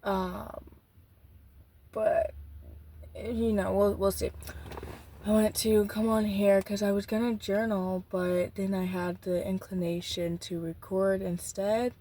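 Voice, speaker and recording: A nineteen-year-old woman vlogging an unplanned journaling session outdoors beside a busy street, rambling and reflective, with halting restarts. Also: mid-range voice, level tone, warm tone, a little hiss or hum.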